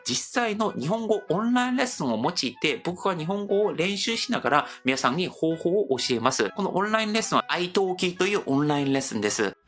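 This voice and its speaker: Lively Korean man explaining in Japanese. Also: high voice. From Seoul, South Korea. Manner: lively, animated delivery with demonstrative examples. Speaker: host. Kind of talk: explanatory language-learning video.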